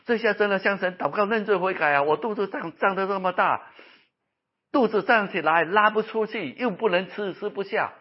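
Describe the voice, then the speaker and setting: A man's voice: sits high, normal speed, husky, voice pushed up. A man voicing a desperate sick woman who wails and pleads, in a dull lo-fi recording. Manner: wailing and pleading. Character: desperate sick middle-aged woman, wailing.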